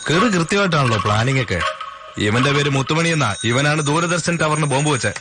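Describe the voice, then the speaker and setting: A man in a dubbed film who plays a police officer and later an associate editor, talking in a brisk, scolding way. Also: fairly high pitch, expressive, close to an everyday voice. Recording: film soundtrack with loud noise.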